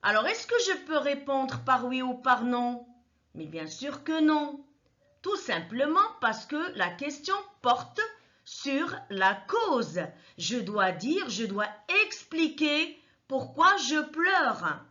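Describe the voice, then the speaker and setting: A woman teaching a grammar lesson, explaining each example slowly and methodically and repeating the key points. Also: high-pitched, very animated, sharp tone, dull audio. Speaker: French teacher.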